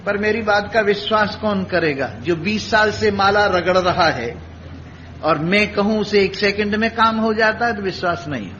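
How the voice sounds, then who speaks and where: A man's voice: high voice, normal speed, bright, forceful tone. A man giving a spiritual discourse, telling stories and acting out the dialogue with repeated, rhythmic phrases. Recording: dull lo-fi recording with faint hiss.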